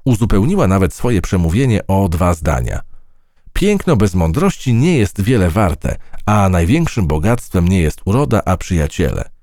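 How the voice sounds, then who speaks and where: A man narrating a children's audiobook in an expressive storytelling manner. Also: deep voice, normal speed, no echo, clean studio sound.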